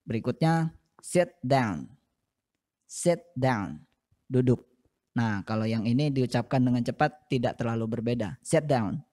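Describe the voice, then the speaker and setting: Slow-talking guy teacher drilling english phrases, says everything twice, patient. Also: medium pitch, lively intonation, dark tone. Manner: explains patiently in short steps. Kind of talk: recorded classroom lesson for seventh graders.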